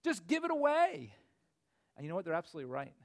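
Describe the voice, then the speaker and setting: Forties male preacher, high-pitched, earnest, builds to emphatic peaks. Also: wildly swooping pitch, fast. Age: 40s. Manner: earnest, rising to emphatic peaks then dropping low. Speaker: pastor. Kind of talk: sermon.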